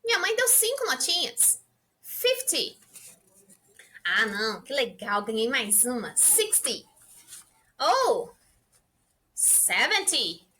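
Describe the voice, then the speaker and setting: Brazilian woman teaching english, lively up and down voice, keeps checking in w students. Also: sits high, slight background noise. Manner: patient, checks in with the class constantly. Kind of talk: language lesson for beginners.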